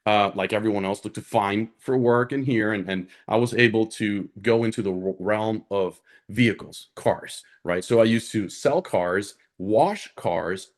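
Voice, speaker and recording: A man's voice: lowish voice, unhurried, hardly any pauses. A man from Honduras, speaking as an alumnus guest on a panel in an earnest, conversational way that often checks in with the listener. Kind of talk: conversational career talk on a panel.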